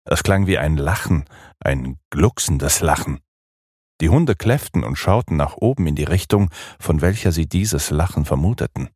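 A man reading a children's story aloud in a calm, measured way. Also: rumbling low, dry recording, studio quality.

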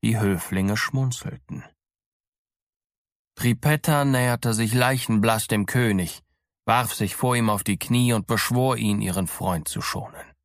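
A man reading a story aloud in measured, scripted narration. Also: fairly low pitch, no room sound, clean studio sound. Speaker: audiobook reader.

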